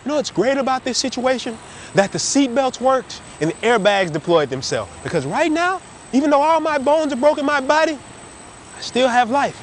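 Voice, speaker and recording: A man's voice: very high-pitched, expressive, moderate pace, slight background noise, pitched above the performer's own voice. Man doing a relentlessly chipper optimist. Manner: cheery, sarcastic optimism. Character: relentlessly upbeat man after a car wreck.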